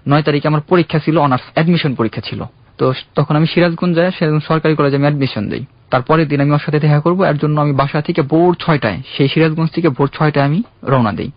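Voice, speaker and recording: A young man calling in to a radio show, earnestly recounting his own love story in a halting, heartfelt way. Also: a little high, dry recording. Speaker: caller. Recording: dull, dry radio studio sound.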